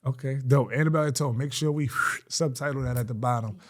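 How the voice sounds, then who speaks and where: A man hosts a podcast in a mid-pitched voice. He speaks loosely and casually, with plenty of slang, and he rambles through his questions, stopping often on fillers. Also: fast. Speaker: podcast host. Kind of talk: casual interview chat.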